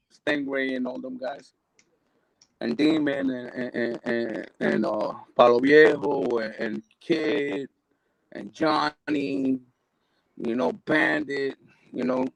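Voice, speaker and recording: Gravelly high-voiced man telling his story. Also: dry recording, rough recording. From New York. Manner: rambling, profane, storytelling. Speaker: interview guest. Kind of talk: candid life story.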